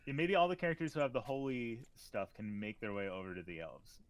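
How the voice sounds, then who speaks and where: A man playing a tabletop game, chatting loosely and fast with the others. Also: mid-range voice, big pitch swings, a crowd in the background. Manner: quick, loose, swears and laughs easily. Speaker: player. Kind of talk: casual chat during a tabletop game.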